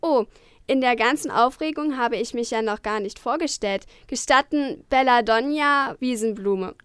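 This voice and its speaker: A woman voicing a tiny, touchy fairy girl who chatters in a high, indignant way and is quick to sulk. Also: fairly bright tone, clean tone, no echo, studio quality, close to an everyday voice. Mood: bossy.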